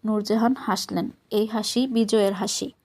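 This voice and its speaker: A woman's voice: medium pitch, steady tone, moderate pace, a little mellow. A woman narrating a novel as an audiobook, reading the characters' dialect dialogue in her own voice. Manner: reads all characters in one voice, dialect dialogue.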